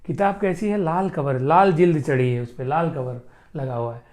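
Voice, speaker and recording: A man teaching English grammar, reading example sentences slowly, then quizzing and answering himself. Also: on the high side, a little mellow. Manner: explains by repeating himself, asking questions and answering them. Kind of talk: Hindi-language grammar lesson.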